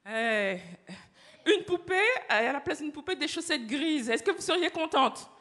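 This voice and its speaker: A high-pitched, bright woman telling a story to children at a church service. Her voice swoops widely as she asks the children questions and keeps them engaged. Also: lively intonation, a little slow. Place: church hall.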